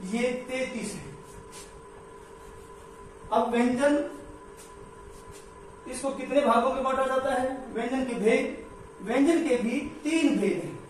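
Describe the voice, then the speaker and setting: A man teaching grammar in a slow lesson, repeating each definition step by step. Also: very high-pitched, a little mellow. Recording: echoey room, mic far off, faint noise.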